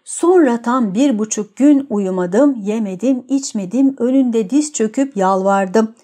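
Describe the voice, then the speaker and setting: A woman's voice: on the high side, unhurried, mellow. A woman voicing a tormented, jealous young man who tells his story in a gloomy, brooding way.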